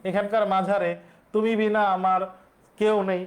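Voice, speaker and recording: A man's voice: sits high, flat delivery, moderate pace. A male teacher, explaining exam questions step by step and quizzing his students. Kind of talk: exam-prep lesson.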